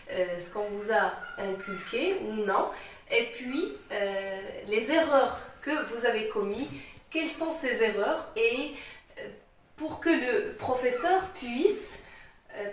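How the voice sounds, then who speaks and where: A woman's voice: mid-range voice, slight background noise. Echoey, distant Moroccan woman teaching French. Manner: patient, repetitive, keeps checking understanding. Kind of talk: spoken grammar lesson. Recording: very echoey room, voice far from mic.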